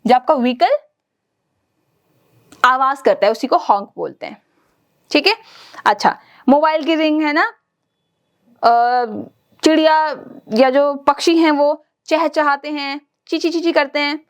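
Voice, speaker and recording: A woman teacher, giving a lively online lesson to children. She talks straight to the kids and imitates everyday sounds for them. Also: sits high, a little slow, pauses often.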